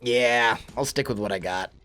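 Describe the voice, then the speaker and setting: Soft music plays behind a let's play host whose voice is mid-range, sharp in tone, and moderately paced. Still groggy from the morning, he talks casually through a video game, thinking out loud and catching himself mid-sentence.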